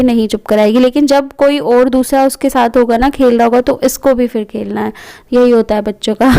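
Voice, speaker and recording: A woman's voice: high voice, warm tone, clean tone. A woman in her thirties, a mother of two, chatting casually as she narrates her day at home in a vlog, with frequent fillers. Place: home, indoors.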